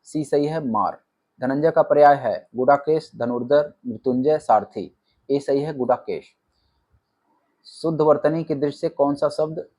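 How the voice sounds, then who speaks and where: A man teaching an exam-prep class, reading out multiple-choice options and then stating which one is correct. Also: a little high. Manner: reads options, then states the answer flatly. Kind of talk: rapid-fire quiz answer walkthrough.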